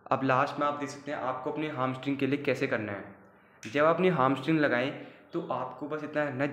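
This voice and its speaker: Male fitness host, casual instructional voice-over, monotone delivery, roomy echo. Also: medium pitch. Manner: casual, upbeat, urging viewers. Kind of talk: home workout instruction voice-over.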